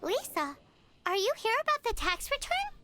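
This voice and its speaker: Squeaky, very high childlike fairy sidekick. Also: female voice, huge pitch swings, moderate pace, noisy background, full character voice. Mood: inquisitive. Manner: speaks of self in third person. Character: small high-voiced childlike fairy companion, chatty and cheeky. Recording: game music behind the voice.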